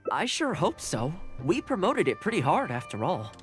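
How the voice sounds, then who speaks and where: A friendly young housekeeper in a video game. He talks in an easygoing, earnest way with lively pitch. Soft music sits behind him. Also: moderate pace. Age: young adult.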